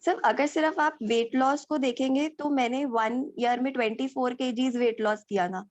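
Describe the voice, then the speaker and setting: A woman's voice: sits high, normal speed, no room sound. A young woman describing her fitness results earnestly and at length, mixing in English words. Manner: earnest, explains at length, Hindi mixed with English. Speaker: participant sharing her results.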